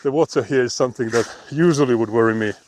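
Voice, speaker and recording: A man with a Finnish accent live-streams from a frozen lake, chatting casually, laughing often and reading the chat aloud. His mid-range voice is fast with a darkish tone, and there is slight background noise.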